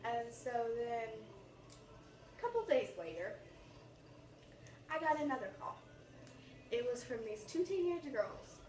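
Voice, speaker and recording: A teenage girl with an American accent telling a story casually as a vlogger, animatedly acting out the dialogue as she goes. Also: a little high. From United States. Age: teens, about sixteen. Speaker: YouTube vlogger. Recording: roomy echo, distant mic, faint noise.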